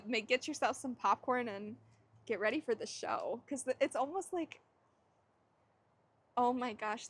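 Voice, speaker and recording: A woman's voice: fairly high pitch, fairly bright tone. A young adult woman giving a casual tarot reading to camera. She rambles and searches for words, with frequent laughs. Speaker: tarot reader.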